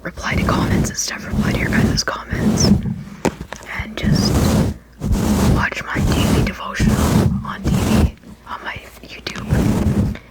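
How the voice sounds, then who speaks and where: A person whispering quickly in an informal ASMR ramble close to the microphone, often repeating and rephrasing phrases. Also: low-quality recording. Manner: fast, unvoiced whispering. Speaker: video creator and host.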